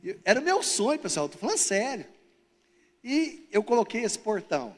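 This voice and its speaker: Speaking fairly quickly in a very high voice with big pitch swings, a Brazilian pastor delivers a sermon in a church hall with long reverb. His Brazilian Portuguese accent colors humorous stories in which he plays the people involved.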